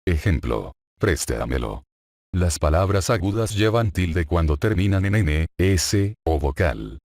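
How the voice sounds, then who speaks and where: Deep-voiced man reading spelling rules. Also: dry recording, clean studio sound. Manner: even, list-like reading of rules and examples. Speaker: narrator of a spelling lesson. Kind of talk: scripted lesson narration.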